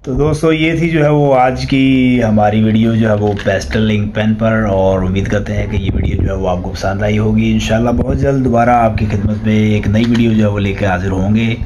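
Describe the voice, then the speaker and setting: A man's voice: lowish voice, moderate pace, hardly any pauses. A Pakistani man in his forties with an Urdu accent, hosting a product review vlog in a small room. He talks eagerly and keeps reaching for the same filler phrase. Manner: leans constantly on the filler "jo hai vo"; upbeat and eager when praising the product. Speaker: host, stationery product reviewer. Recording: steady background noise, slightly dull.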